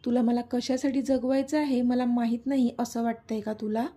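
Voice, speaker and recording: A cruel, taunting male villain from an audio story, read by a woman. The voice sits fairly high and mellow with a husky edge. He sneers through every line. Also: little pitch movement, normal speed, close to an everyday voice. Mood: sneering. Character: cruel mocking middle-aged male villain.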